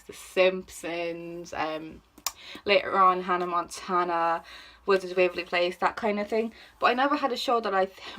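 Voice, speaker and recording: A twenty-one-year-old Irish woman with a mid-range, bright, forceful voice answers questions for her vlog while sitting on the floor at home. She's chatty, informal, self-deprecating and exclamatory, speaking with an Irish accent.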